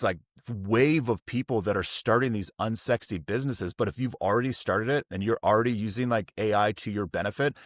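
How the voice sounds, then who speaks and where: A man co-hosting a casual business podcast, agreeing earnestly and trailing off quietly at the ends of sentences. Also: mid-range voice, no room sound, studio quality. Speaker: podcast co-host.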